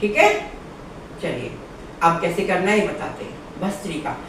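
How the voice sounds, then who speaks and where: A woman's voice: on the low side, animated, moderate pace, fairly bright tone, a little hiss or hum. Yoga lady walking you thru breathing, patient, step by step, far off mic in a really echoey room. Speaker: yoga instructor. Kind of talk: instructional yoga lesson.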